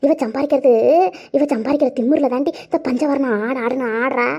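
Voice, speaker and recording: A woman's voice: high-pitched, fairly even intonation, fairly quick, darkish tone, husky, dull audio. Woman voicing a scheming village aunt. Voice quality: scolding, wheedling. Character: scheming middle-aged village aunt, grasping and jealous. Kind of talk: cartoon voice acting.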